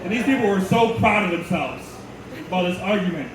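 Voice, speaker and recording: A man's voice: sits high, expressive, a little fast. A man performing a stand-up comedy routine with crowd banter, telling jokes in a profane, mock-innocent way. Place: live comedy venue with an audience. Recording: very echoey venue, distant mic, loud crowd, noise. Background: loud audience crowd.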